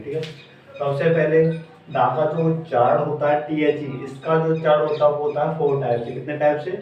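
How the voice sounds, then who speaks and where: A man's voice: medium pitch, a little mellow. A man teaching English pronunciation in an online class. He asks his students questions and answers them himself, in a repeating drill style. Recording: echoey room, mic at a distance.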